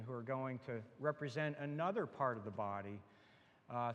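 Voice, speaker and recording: A male pastor preaching in a mid-pitched voice, earnest and plain-spoken, lifting his voice on the phrases he wants to land. He drops into casual asides to his congregation between passages. The sound carries the long reverb of a church sanctuary. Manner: earnest preaching, rising emphatic on key phrases. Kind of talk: sermon.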